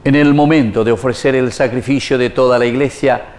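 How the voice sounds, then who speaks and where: A man's voice: medium pitch, steady tone, a little mellow. Solemn man praying as a priest at Mass. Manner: solemn, measured, formal. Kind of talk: liturgical prayer recitation. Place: small indoor wood-panelled chapel. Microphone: lapel mic.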